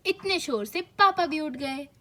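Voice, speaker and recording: A woman narrating a doll-play story for children in a gentle, explaining way. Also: high-pitched, expressive, unhurried.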